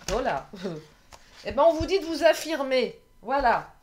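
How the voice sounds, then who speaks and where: A woman's voice: sits high, expressive, unhurried, noisy background. A woman doing a casual card reading to camera. She is chatty, hesitates with many fillers and laughs at herself. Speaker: tarot card reader.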